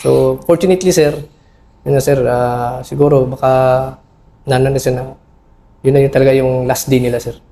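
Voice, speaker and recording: A middle-aged man, an army officer, recounting a battle in an interview, halting and full of fillers, respectfully calling his listener sir. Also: medium pitch, steady tone, mellow, slight background noise. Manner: respectful toward a senior officer. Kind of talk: interview recollection.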